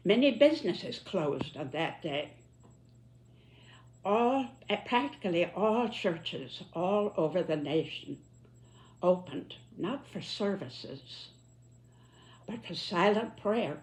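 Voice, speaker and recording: This is a very old woman, in her nineties, with a somewhat low voice. She talks at a very slow, deliberate pace. Her reflective commentary is solemn, with emphatic stress on the phrases that matter. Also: expressive, a little mellow. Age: 90s. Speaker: elderly commentator reflecting on history and politics. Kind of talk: reflective spoken commentary to listeners.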